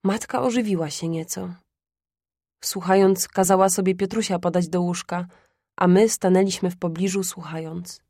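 Calm woman storyteller, even delivery, dry close mic. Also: fairly low pitch, fairly quick, no room sound. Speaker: audiobook narrator. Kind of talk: scripted literary narration.

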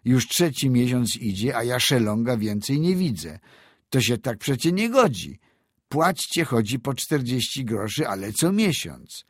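A man's voice: medium pitch, big pitch swings, measured pace, breathy edge, dry recording, studio quality, voice pushed up. A man voicing a stern, mercenary village teacher in a read-aloud story. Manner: lecturing, curt.

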